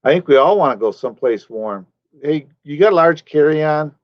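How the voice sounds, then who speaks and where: A man's voice: fairly high pitch, animated, normal speed, no echo, muffled recording. Rambling man chatting to his live-stream viewers. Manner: rambling, talks to chat viewers by name. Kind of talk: casual live-stream chat.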